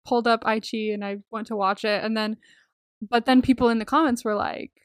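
A young woman co-hosting a podcast, chatting casually and excitably, gushing, swearing freely and rambling with lots of "like". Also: a little high, brisk, clean tone, no room sound, clean studio sound. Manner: rambling, peppered with "like". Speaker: podcast co-host. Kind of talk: casual chat about a TV series.

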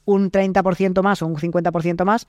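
High-voiced Spanish actor explaining pay. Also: male voice, quick pace, dry recording, clean studio sound. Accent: Spain Spanish. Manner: animated explainer, acts out quoted dialogues. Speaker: actor and podcast guest. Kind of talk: casual interview chat.

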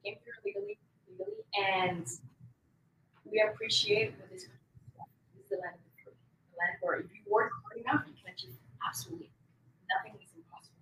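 A woman's voice: mid-range voice, sing-song, brisk, fairly bright tone, slight background noise. A woman in her twenties from Colombia, a political candidate giving emphatic, speech-like answers in an interview. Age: 20s. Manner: emphatic, campaign-speech delivery. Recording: echoey room with faint ambience.

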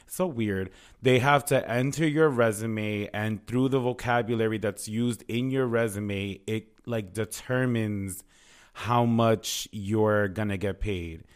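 A man's voice: on the low side, a little slow, clear, resonant tone. A man co-hosting a podcast in casual, candid chat, slangy and full of swearing. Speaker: podcast co-host. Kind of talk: casual chatty podcast talk.

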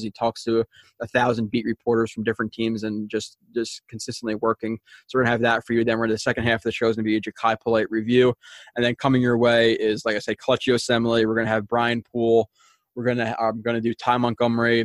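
A man's voice: mid-range voice, dry recording. A young man hosting a sports podcast in a casual, rambling, informal and mildly salty way. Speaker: podcast host.

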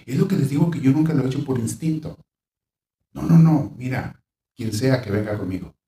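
A man giving a reflective, faith-based counseling talk. He shifts between lively bursts that act out panicked reactions and a gentle, reassuring tone. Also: mid-range voice. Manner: animated, acts out panicked reactions in quick bursts; gentle, reassuring when voicing comfort. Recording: roomy sound, voice from a distance.

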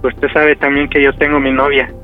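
A man's voice: mid-range voice, monotone, moderate pace, narrow, tinny audio, soft background music. A man in his early thirties with a Mexican accent, chatting casually and hesitantly as a radio caller. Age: early 30s. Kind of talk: casual phone chat.

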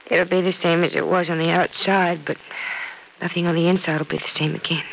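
An actress playing a grieving young woman who speaks in a sorrowful, earnest, measured way, in 1940s radio acting style. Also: on the low side, flat delivery, creaky, fairly bright tone, a little hiss or hum, poor audio.

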